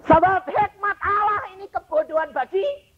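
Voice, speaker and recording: A man's voice: very high voice, moderate pace, slight background noise. Give me a man preaching with lots of rhetorical questions, on a dull lo-fi recording. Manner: animated storytelling, rhetorical questions to the congregation. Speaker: evangelist preacher. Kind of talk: sermon.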